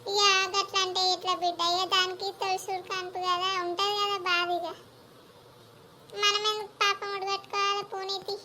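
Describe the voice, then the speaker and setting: A woman with a Telangana accent playing a scheming village mother-in-law who complains loudly. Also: extremely high pitch, little pitch movement, moderate pace, background noise. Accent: Telangana Telugu. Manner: loud, scolding and complaining. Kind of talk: village comedy skit acting.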